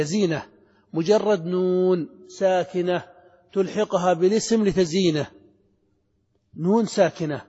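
A man's voice: sits high, a little mellow, husky. A middle-aged man teaching a grammar lesson, asking his students questions and repeating the key words to drive them home. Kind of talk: classroom lesson explaining grammar. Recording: lo-fi lecture hall recording with long reverb.

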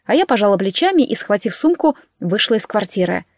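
A woman narrating a novel in first person with lively, wry storytelling. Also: mid-range voice, a little fast, dry recording, clean studio sound. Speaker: audiobook narrator.

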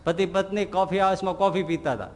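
High-voiced man giving a lively sermon. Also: fast. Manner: lively storyteller, acts out characters' lines and chuckles at his own jokes. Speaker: swami giving a scripture discourse. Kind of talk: sermon with humorous anecdotes. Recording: long hall reverb with faint background noise.

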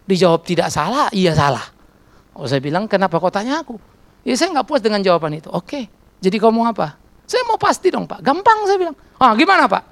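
A middle-aged pastor preaching a sermon in a blunt, teasing way, acting out little dialogues, with an Indonesian accent. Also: male voice, high-pitched, creaky.

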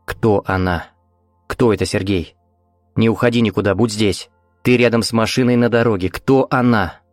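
Man as a calm, coaxing hypnotist. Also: lowish voice, normal speed, dry recording, clean studio sound, faint music behind, lightly acted. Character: calm male hypnotist guiding his friend.

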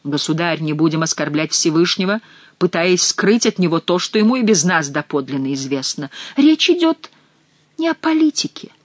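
A woman reading an audiobook voices a hoarse, wheezing, disembodied voice posing as God. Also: on the low side, lively intonation, normal speed, no room sound. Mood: stern. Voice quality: hoarse, whistling.

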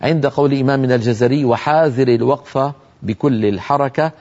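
A man teaching Quran recitation rules in a televised lesson, explaining calmly and chanting the examples slowly. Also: medium pitch, highs cut off. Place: television studio.

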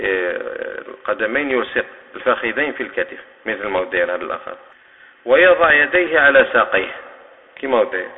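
Algerian sheikh teaching in an echoing mosque. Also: male voice, medium pitch. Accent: Algerian Arabic. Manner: patient, explaining terms and coaching students to demonstrate. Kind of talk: hadith commentary lesson. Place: mosque hall. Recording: tinny lo-fi recording with long mosque reverb.

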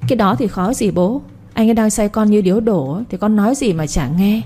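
A woman's voice: medium pitch, fairly quick, dark tone, breathy edge, lightly acted. A woman voicing a cunning young village woman who pouts and insists. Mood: wheedling. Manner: pouting, insistent.

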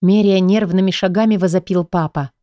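A woman's voice: lowish voice, fairly even intonation, a little fast, mellow, no room sound. A woman narrating a first-person romance audiobook, with a dramatic, emotionally charged reading.

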